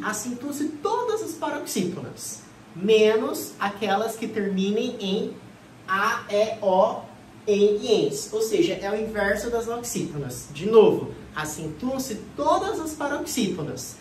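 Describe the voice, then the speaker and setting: Professora ecoando longe em sala. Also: female voice, medium pitch, a little hiss or hum. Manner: asks questions and answers them herself, lively. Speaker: teacher. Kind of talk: exam prep class. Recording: echoey room, voice from far off.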